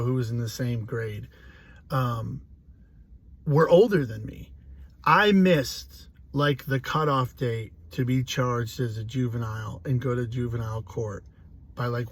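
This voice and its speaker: A man's voice: medium pitch, a bit bright, dry recording. A man in his forties telling a rambling, profane, self-mocking personal story in a casual way. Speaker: host.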